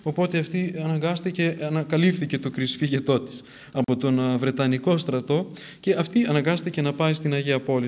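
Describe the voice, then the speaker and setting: A man giving a sermon, moving between plain storytelling and emphatic, formal recitation. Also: fairly high pitch. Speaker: preacher. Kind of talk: sermon retelling a saint's life.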